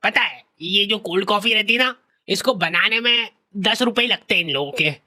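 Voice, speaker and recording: A woman's voice: mid-range voice, normal speed, bright, forceful tone, pitched below the performer's own voice. A woman voicing a boastful, broke male senior student who lectures younger boys about girls in a cartoon. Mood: bragging. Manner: swaggering, lecturing, self-important.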